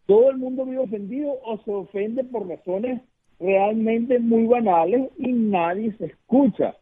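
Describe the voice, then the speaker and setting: Over a muffled phone connection, a Venezuelan man speaks in a very high-pitched, unhurried voice with a breathy edge. A guest political consultant with a Venezuelan Spanish accent, he talks earnestly in a radio interview by phone, often repeating words and asking rhetorical questions.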